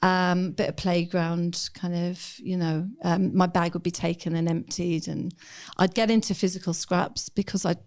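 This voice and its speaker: A woman's voice: on the low side, flat delivery, moderate pace, darkish tone. Woman in her fifties telling her story. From Ireland. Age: 50s. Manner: open, reflective storytelling. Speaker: podcast guest. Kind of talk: casual chat.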